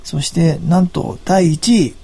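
A man's voice: fairly high pitch, unhurried, gravelly, dark tone. A man commenting on a radio talk show in a studio, reading out rankings in an easygoing, wry, teasing way. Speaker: securities firm commentator.

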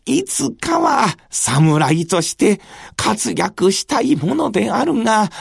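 A woman's voice: mid-range voice, creaky, breathy edge, no room sound, clean studio sound, heavily acted. A woman storyteller voicing a young village lad who dreams of becoming a samurai, speaking in old-fashioned, wondering phrases. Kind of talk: traditional kodan storytelling.

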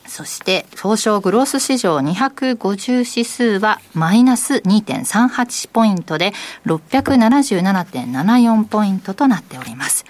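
Female radio host, mid-pitched, brisk and clear with market numbers. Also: animated. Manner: brisk, reads figures carefully. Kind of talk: radio market program hosting.

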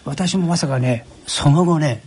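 An older man from Japan, a journalist guest on a radio interview, telling stories in a relaxed way with wry self-deprecation. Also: a little high, a little slow, slightly rough. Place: radio studio.

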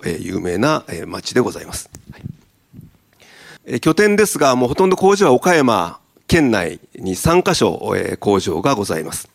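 A man from Okayama, a company president, giving a formal presentation at a seminar with polite phrasing and many hesitant fillers. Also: medium pitch. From Okayama, Japan. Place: seminar hall in Tokyo.

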